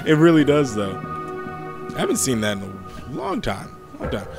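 A man's voice: mid-range voice, sing-song, moderate pace, music in the background. A young man giving casual, rambling, joking commentary while playing a video game. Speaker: gameplay host.

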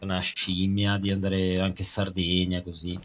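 A man streaming a game, chatting loudly and casually with friends, swearing and joking. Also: sits low, monotone, measured pace. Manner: loud, swearing, jokey. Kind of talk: casual gaming chat. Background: keyboard clicks.

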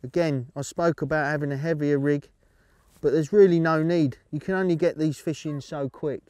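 A middle-aged man calmly explaining his fishing method outdoors at a lakeside, speaking steadily into a lapel mic. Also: fairly high pitch, moderate pace, no echo. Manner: calm, steady, explaining as he fishes. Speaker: angling coach.

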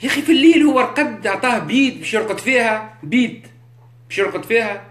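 A man with a Tunisian accent holds forth in a casual livestream and keeps checking that his listeners follow. His voice sits fairly high, and French phrases slip into his speech. The room around him is echoey. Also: lively intonation, fast, fairly bright tone. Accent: Tunisian Arabic. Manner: rhetorical, keeps checking understanding, mixes in French. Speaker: live streamer. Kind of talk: casual live-stream monologue. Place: indoors, live on social media.

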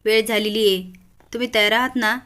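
A woman's voice: fairly high pitch, fairly even intonation, brisk, bright, forceful tone, clear, resonant tone. Woman playing a smug scheming villainess. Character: cold villainous young woman plotting.

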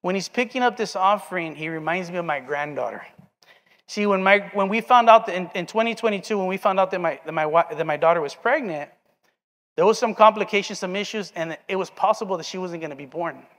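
A man's voice: sits high, a little fast, fairly bright tone. A man in his forties, preaching a sermon and telling a personal story in an earnest way, acting out the quoted dialogue. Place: church sanctuary. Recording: long hall reverb.

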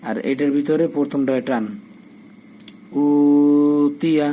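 Man teaching quran reading, flat even voice, spells letters then chants words long and slow, faint crickets behind. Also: medium pitch, a little hiss or hum, low-quality recording. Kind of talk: Quran recitation lesson.

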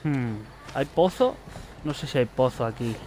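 A man's voice: mid-range voice, animated, unhurried, mellow, a little hiss or hum. A young man, commenting casually on a horror game as he plays, swearing and chatting to the characters. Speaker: gaming YouTuber. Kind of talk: let's play commentary.

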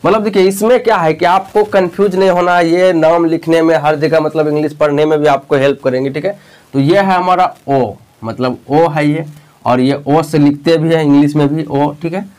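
A man's voice: a little high, fairly even intonation, moderate pace, darkish tone. A male teacher explaining a lesson patiently, often checking in with the listener and repeating key points. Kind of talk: spoken lesson.

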